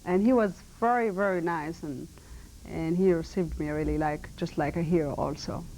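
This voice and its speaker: A lowish, slightly mellow female voice comes from a model and actress with an Ethiopian accent, earnest and emphatic in a TV interview from 1990. Her phrasing halts in a non-native way, and the low-quality recording carries a little hiss or hum.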